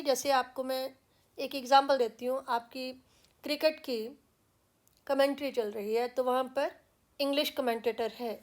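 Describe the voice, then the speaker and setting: A woman from India with an Indian English accent, teaching English pronunciation patiently and repeating example words with care. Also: high-pitched.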